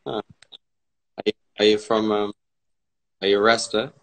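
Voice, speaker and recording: A man from Barbados hosting a casual phone live stream, talking in a relaxed, rambling way with many fillers. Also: on the low side, measured pace, low-quality recording. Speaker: Instagram live host.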